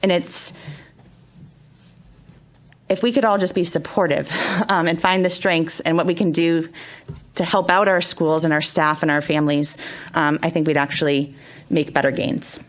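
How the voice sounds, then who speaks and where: A woman's voice: sits low, steady tone. Firm woman at a board meeting. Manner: firm and deliberate. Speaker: school board member. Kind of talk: prepared statement at a public board meeting. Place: public board meeting room.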